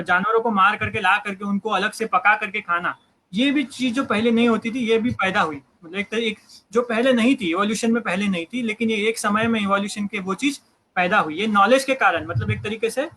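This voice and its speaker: Bright high-voiced man explaining science. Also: a little hiss or hum, poor audio. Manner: hesitant, many fillers and restarts. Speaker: guest biologist explaining evolution. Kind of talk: casual explanatory talk.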